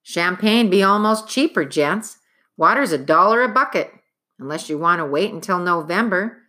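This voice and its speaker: Matter-of-fact male hotel clerk, woman doing it, brisk and bright. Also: fairly low pitch, animated.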